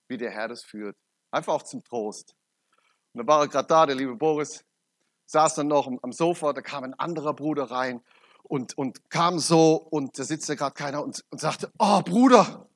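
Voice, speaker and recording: A middle-aged man giving an emphatic testimony sermon, swinging between loud urgent peaks and quiet low asides. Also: fairly even intonation, normal speed. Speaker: preacher.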